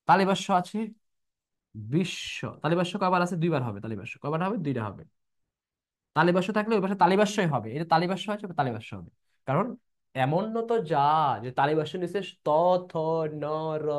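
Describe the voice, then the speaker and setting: A man, teaching an admission-prep lesson who repeats each rule and keeps asking if everyone is clear. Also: fairly high pitch. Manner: repeats rules, checks if students are clear.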